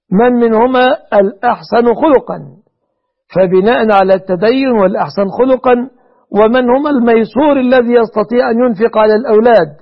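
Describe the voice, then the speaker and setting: A man, a sheikh answering callers' religious questions in a measured, formal way and repeating key phrases. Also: very high-pitched. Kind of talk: call-in religious advice. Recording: muffled radio broadcast.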